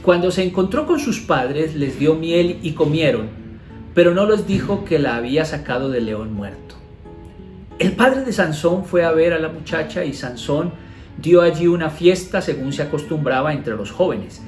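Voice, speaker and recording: A man's voice: fairly high pitch, animated, normal speed. A male pastor with a Colombian Spanish accent reads a Bible passage and then explains it, asking his listeners rhetorical questions. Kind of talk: Bible teaching, reading scripture aloud. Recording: echoey room with soft guitar music behind.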